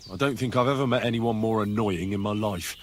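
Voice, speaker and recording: A man's voice: lowish voice, fairly quick, slight background noise, natural voice. An actor voicing a terse young male swordsman in video game dialogue, with blunt, dry replies.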